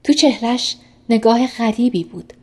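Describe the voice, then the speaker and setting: Woman narrating a novel calmly. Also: on the high side, breathy edge. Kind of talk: first-person audiobook narration.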